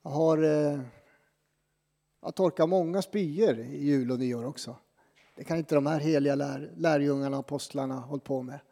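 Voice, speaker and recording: A man preaching as a pastor, talking in a conversational, self-deprecating way with dramatic pauses. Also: fairly high pitch, dark tone. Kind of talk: sermon. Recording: long reverb from a church hall.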